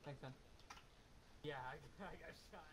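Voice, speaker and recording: Man chatting under very loud vehicle noise. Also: fairly high pitch, a little slow. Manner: slangy, profane. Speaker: player driving a vehicle in a military game. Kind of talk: casual gamer chat. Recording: very loud vehicle hum, distant.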